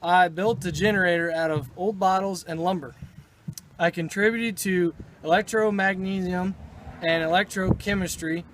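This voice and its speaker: A man's voice: high-pitched, steady tone, normal speed, a bit bright, slight background noise, rough recording. A man playing a proud 19th-century chemist for a school project, reciting his life story plainly. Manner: recited, plain self-introduction. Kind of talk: school project role-play.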